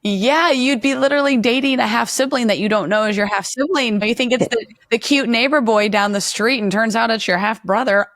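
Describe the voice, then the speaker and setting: A woman's voice: fairly high pitch, a little fast, a bit bright, no room sound, studio quality. A woman hosting a podcast, who questions her guest and reads reflective narration in an earnest way. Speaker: podcast host. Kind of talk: interview and scripted narration.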